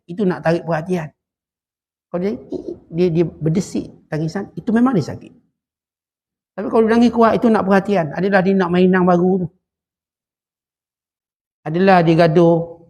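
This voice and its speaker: Husky Malaysian man giving a sermon. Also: high-pitched, a little fast, pauses often. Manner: storytelling, animated, with quoted dialogue. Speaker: religious teacher.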